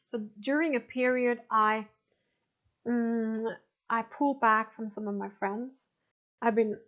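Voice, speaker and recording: A woman in her forties with a slightly high voice talks loosely to a group of participants. She often trails off and restarts, laughing softly now and then. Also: highs cut off. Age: 40s. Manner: hesitant, many restarts and soft laughs. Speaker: spiritual teacher answering participant questions. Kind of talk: casual talk to an online group.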